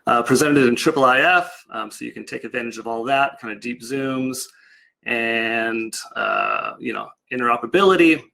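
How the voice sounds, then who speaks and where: Here a project presenter with a creaky, sharp-toned, mid-range voice speaks at a moderate pace. He walks through online slides in a casual, explanatory manner, improvising loosely.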